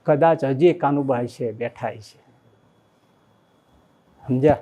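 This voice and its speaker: A man, a swami, giving a devotional sermon that he tells as a story, with animated and emotional exclamations. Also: medium pitch, takes it slowly. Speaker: swami preaching.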